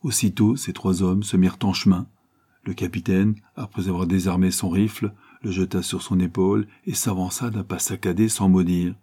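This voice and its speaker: Low, husky male audiobook narrator. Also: steady tone, normal speed, dark tone. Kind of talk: scripted novel narration.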